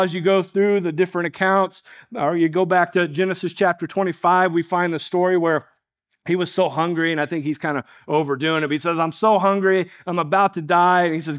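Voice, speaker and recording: A man preaching a sermon, reading scripture aloud and breaking off into casual asides and rhetorical questions. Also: fairly high pitch. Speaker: pastor.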